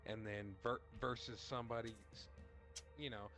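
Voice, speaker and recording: A man's voice: medium pitch, fairly even intonation, moderate pace, pushed and bright. Hesitant man over background music. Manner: hesitant, lots of ums and restarts. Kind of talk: casual chat.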